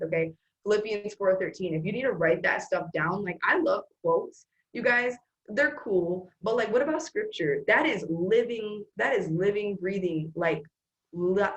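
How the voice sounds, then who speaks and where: A woman's voice: medium pitch, a bit bright, dull audio. A woman in casual motivational chat, emphatic and preachy, quoting scripture and urging listeners to speak life over themselves.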